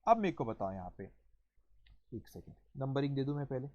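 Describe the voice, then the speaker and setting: A male accounting teacher giving an online lecture in a lively storytelling manner, going through each point step by step and counting them off aloud. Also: medium pitch, brisk, muffled recording. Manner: explains step by step, counting points aloud and calling students "beta"; lively storytelling, acting out an example.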